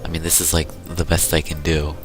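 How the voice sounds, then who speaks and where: A man's voice: rumbling low, completely flat delivery, a little fast, over music. A man co-hosting a casual podcast over a voice call, mostly giving short, dry replies. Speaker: podcast co-host. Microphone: voice-call mic.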